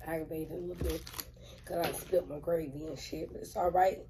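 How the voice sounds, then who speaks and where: A woman's voice: low-pitched, steady tone, brisk, dark tone, a little hiss or hum, low-quality recording. A woman, chatting bluntly and profanely on camera while she eats, rambling as she goes. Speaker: mukbang vlogger. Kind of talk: casual chat while eating on camera.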